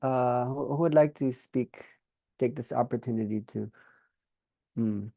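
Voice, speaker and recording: A man teaching a course over a video call, talking in a halting way while he searches for words. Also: mid-range voice, vocal fry, dark tone, dry recording.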